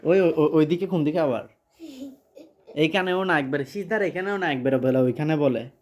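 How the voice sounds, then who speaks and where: A man's voice: a little high, a little mellow. Patient man teaching recitation. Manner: patient, corrective, repeats phrases slowly for the pupil. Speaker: Quran and prayer teacher. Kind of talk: one-on-one recitation lesson.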